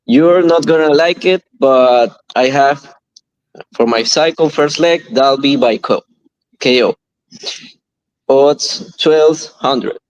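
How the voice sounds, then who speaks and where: A man from Ecuador calling in to a betting show, earnest and halting. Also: mid-range voice, rough recording. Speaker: caller. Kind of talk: casual chat.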